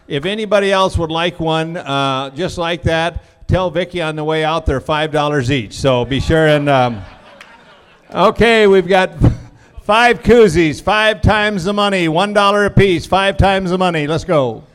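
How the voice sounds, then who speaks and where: A man's voice: a little high, unhurried, fairly bright tone, smooth. A man announcing at a live auction as the instructor, addressing the crowd and guiding the bidding.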